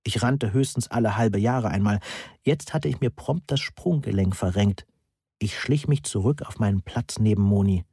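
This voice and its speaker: A man reading a novel aloud as an audiobook narrator, dry and brisk. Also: fairly low pitch, dark tone, slightly rough, dry recording. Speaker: audiobook reader.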